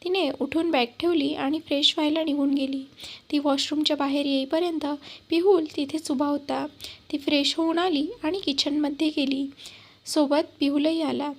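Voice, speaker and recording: A woman with a high voice narrating a storybook tale. She reads at a steady, measured pace, as a channel's storyteller.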